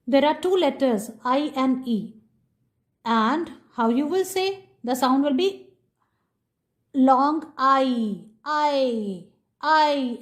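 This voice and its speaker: A young woman with an Indian English accent gives a kindergarten English lesson. Her high voice moves very slowly as she sounds out short words letter by letter. She switches to Hindi to explain what each word means. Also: a little mellow. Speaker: kindergarten teacher.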